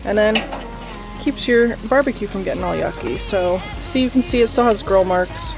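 A woman's voice: medium pitch, normal speed, creaky, rough recording. A young woman vlogging a casual cooking how-to, chatty and self-deprecating with lots of ums and likes. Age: young adult. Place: home kitchen and backyard grill. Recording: background music under voice.

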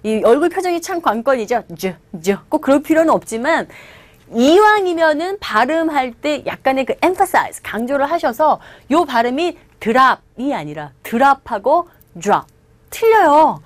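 Lively high-voiced woman teaching English. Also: moderate pace, no room sound. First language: Korean. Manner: lively, acts out quotes with playful voices and laughs. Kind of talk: video lecture on English through film.

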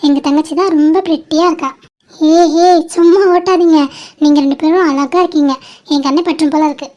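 A cartoon creator voices all the female roles in her home-made family drama cartoon, playing sisters and mothers who sound emotional and pleading. Her voice is high-pitched with fairly even intonation, fairly quick, and darkish in tone.

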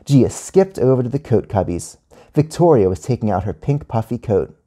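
A male teacher reading his own children's story aloud in an animated, friendly storytelling manner. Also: medium pitch, normal speed.

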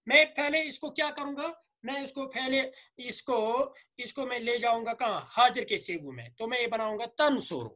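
A man with a Kashmiri accent and slightly hoarse throat, teaching a grammar lesson, asking questions and answering them himself while repeating words slowly. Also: very high voice, a bit bright. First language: Urdu. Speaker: Arabic teacher.

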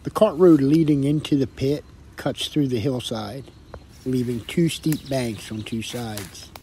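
A man's voice: mid-range voice, measured pace, dark tone, slight background noise. A man, narrating his exploration of old ruins in an earnest, reflective way. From northern Delaware. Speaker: restoration vlogger. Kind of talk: documentary narration.

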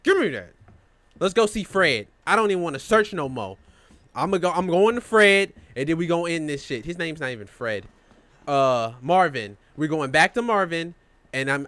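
Excitable young man yelling at a game. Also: on the high side, no room sound. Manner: excitable, profane, talks to the game characters. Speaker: gamer playing a horror game. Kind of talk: let's-play commentary.

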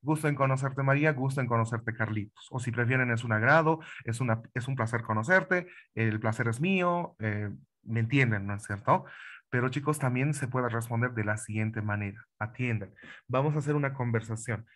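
A man's voice: medium pitch, normal speed, fairly bright tone. A man leads an online English lesson, patient and repetitive, often asking his students whether they follow. His voice sits in a middle register and comes through a video call. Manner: patient, repeats phrases, asks students questions. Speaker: English teacher. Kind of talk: online class instruction.

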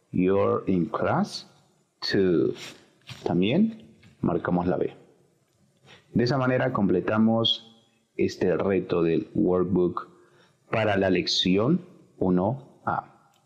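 A man teaching English, patiently explaining a workbook exercise step by step. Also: low-pitched. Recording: echoey, dull-sounding recording.

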